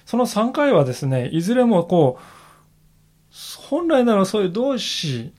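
A male pastor giving a sermon in an earnest, reflective way, slowing down to stress key phrases. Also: high-pitched, very animated, darkish tone. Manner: earnest, reflective preaching with emphatic slowed phrases.

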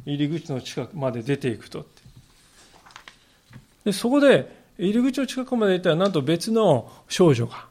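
A man's voice: fairly high pitch, very animated, moderate pace, darkish tone. A male pastor giving a sermon in a conversational storytelling way, acting out the quoted lines.

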